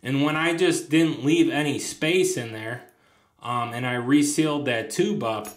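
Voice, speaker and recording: A fishing channel host casually shows off lures at an indoor tabletop, his hands on camera, in an echoey room. His voice is medium-pitched and measured, and he rambles with lots of ums and restarts.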